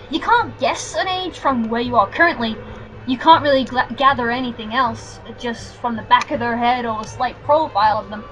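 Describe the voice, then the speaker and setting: A woman narrating a tabletop game as game master, in a lively, giggly way. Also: high-pitched, low-quality recording. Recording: faint background music.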